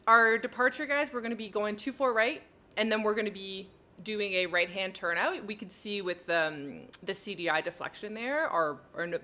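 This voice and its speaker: A woman with a mid-range, bright, forceful voice and a French Canadian accent hosts a flight sim livestream. She chats casually while flying, giggles often, and talks through her cockpit steps.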